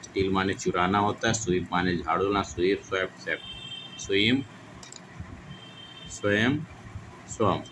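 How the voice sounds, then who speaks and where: A man teaching English grammar in Hindi with a Hindi accent, repeating each verb form slowly in drill style. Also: deep voice, noisy background. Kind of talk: classroom lesson reciting verb forms.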